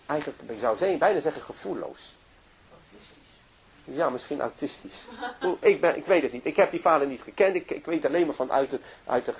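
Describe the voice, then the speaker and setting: A man telling a moving story in a religious lecture, narrating with emotion and frequent restarts. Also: fairly high pitch. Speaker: religious speaker.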